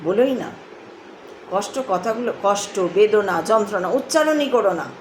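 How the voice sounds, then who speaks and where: A woman giving a spiritual talk, musing slowly and breaking into song. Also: medium pitch, animated, reverberant, noisy background. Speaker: host.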